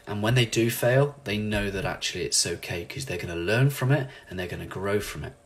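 A man speaking as a leadership coach in an animated, ranting motivational monologue, acting out quotes in lively voices. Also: lowish voice, fairly quick, slightly rough.

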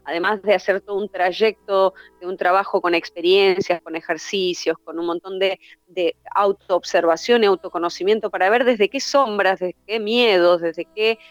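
A woman's voice: mid-range voice, steady tone, moderate pace, dry recording. A woman who runs workshops, talking in a flowing, teacherly way and building her points through lists. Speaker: workshop facilitator. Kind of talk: reflective conversation. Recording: dull lo-fi sound.

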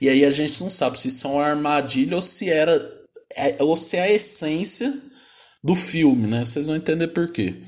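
A man's voice: a little high, animated, moderate pace. Chatty Brazilian man retelling a film. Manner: chatty, slangy, constant tag questions. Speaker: film recapper.

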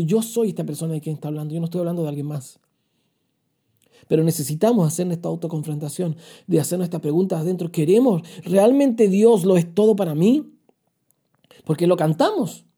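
Earnest, dark-voiced male preacher. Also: sits high, fast, breathy edge. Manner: earnest, confessional, rhetorical questions. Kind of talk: podcast sermon with listener questions.

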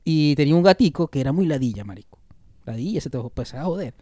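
A man with a Venezuelan accent telling a childhood story in casual, slangy chat, often trailing off low and quiet. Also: expressive, quick pace, dry recording, clean studio sound. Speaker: podcast co-host. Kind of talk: casual storytelling among friends.

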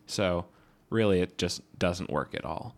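A man co-hosting a casual podcast, speaking in a measured, wry and thoughtful way. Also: low voice, creaky. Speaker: podcast co-host.

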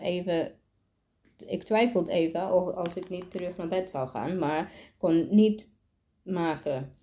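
Mellow woman stumbling through a read-aloud. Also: fairly low pitch. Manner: stumbling reading with frequent restarts. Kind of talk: reading a children's novel aloud.

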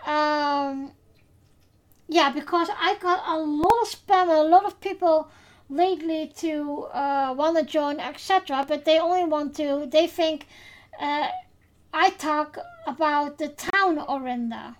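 Speaking English with a Dutch accent, a woman hosts a laid-back podcast in a high voice and a slow, unhurried rhythm. She often stops and uses fillers while collecting her thoughts, hesitant throughout. The recording is rough.

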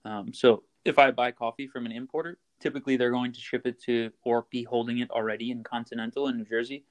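Man, casual interview guest, explains step by step, fillers and restarts, mid pitch. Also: steady tone, fast talker. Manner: explains steps plainly, frequent fillers and restarts. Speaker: coffee roaster, guest.

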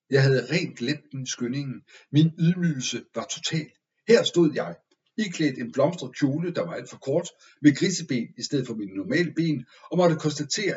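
A man reading a first-person story aloud in a measured, expressive way. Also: mid-range voice, highs cut off. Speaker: audiobook narrator. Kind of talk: scripted story narration.

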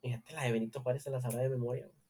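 A man's voice: medium pitch, fairly even intonation, very fast, dark tone, slightly rough. A man with a Mexican accent, co-hosting a casual chat, joking and swearing as he reads out dating profiles. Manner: joking, swearing, laughs often. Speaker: podcast co-host.

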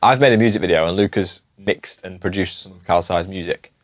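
A man's voice: sits low, fairly quick. A man as a podcast guest, chatting casually with mates in slangy, laddish banter. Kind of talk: casual matey chat.

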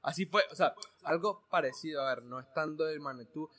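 A man's voice: a little high, a little fast, fairly bright tone. A young man in casual chat who jokes and laughs a lot and trips over his own words.

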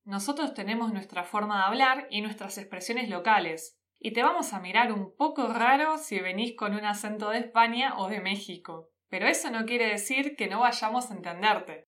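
A woman's voice: mid-range voice, moderate pace, hardly any pauses, fairly bright tone. A woman with a Rioplatense Argentine accent, a podcast host teaching Spanish in a casual, friendly explanatory way, using informal address and local slang. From Argentina, Buenos Aires province.

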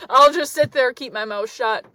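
A woman's voice: high voice, unhurried, bright, forceful tone. A young woman vlogger talking candidly and reflectively about her feelings, laughing often as she speaks. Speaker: van life vlogger. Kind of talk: candid personal talk to camera.

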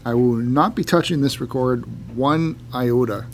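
A man co-hosting a podcast, chatting casually in a halting, deadpan joking way over a laptop fan. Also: medium pitch. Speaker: podcast co-host. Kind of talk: casual banter between friends. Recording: laptop fan hum behind voice. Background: loud computer fan.

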